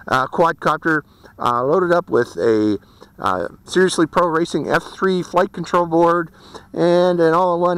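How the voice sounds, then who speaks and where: A man's voice: medium pitch, a bit bright, dry recording. A man with a mid-range voice, talking in a chatty, folksy way. He reviews hobby gear casually, with plenty of fillers and easy laughs. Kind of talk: casual product review and flight commentary. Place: outdoors during flight.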